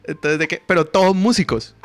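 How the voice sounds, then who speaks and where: A man's voice: on the high side, fairly even intonation, a little fast, no echo. A young man, a podcast guest, talking loosely in slang and poking fun at himself. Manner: loose, slangy, self-mocking. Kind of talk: casual chat.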